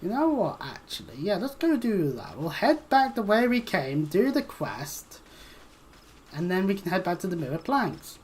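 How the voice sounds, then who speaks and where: A woman's voice: mid-range voice, very animated, moderate pace, darkish tone, slight background noise. A woman casually commenting on her gameplay, chatty and humming to herself, swearing now and then. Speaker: streamer.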